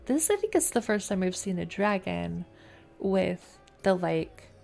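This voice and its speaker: A woman's voice: fairly low pitch, big pitch swings, a little slow, vocal fry, darkish tone, soft background music. A woman with an American accent giving casual live commentary as she streams a game. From United States. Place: indoors at a PC, game music behind.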